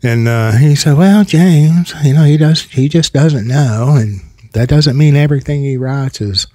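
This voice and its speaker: An older man hosting a casual podcast conversation, telling stories in a rambling way and clearing his throat often, at a boom mic in a small office studio. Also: unhurried, mellow, no echo. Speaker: podcast host. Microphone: desk podcast mic on boom arm.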